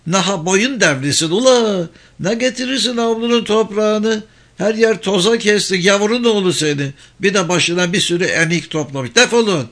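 A man voicing a cranky old village woman who shouts and scolds children in a storybook reading. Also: high voice, normal speed, pitched above the performer's own voice. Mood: scolding.

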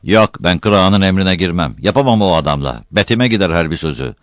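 A proud, sullen young villager answers in short, defiant bursts, as a man voices him for an audiobook. His voice is lively in pitch. The sound is dry and close. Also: brisk, no room sound. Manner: curt, defiant.

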